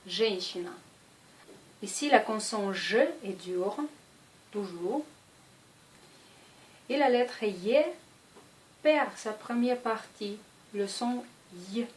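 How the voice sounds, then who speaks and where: A woman teaching a language lesson, speaking slowly and deliberately and repeating each example word. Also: medium pitch, darkish tone, a little hiss or hum, low-quality recording.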